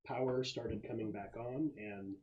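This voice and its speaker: During a tabletop game, a man acting as game master describes scenes and answers questions in a halting, explanatory way. His voice is medium-pitched and steady, and the audio sounds dull.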